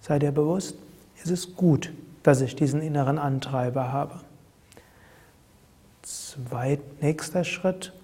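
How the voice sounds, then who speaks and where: Host, male, mellow and slightly husky, calm measured advice talk. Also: a little high. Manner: calm, measured, repeats key phrases. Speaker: host giving self-help tips.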